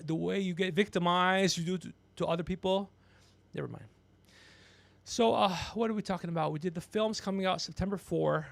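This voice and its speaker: This man hosts a loose, comedic livestream podcast in a fairly high, gravelly voice. Wandering through anecdotes and banter, he's crude and direct, regularly ribbing the person he's talking with.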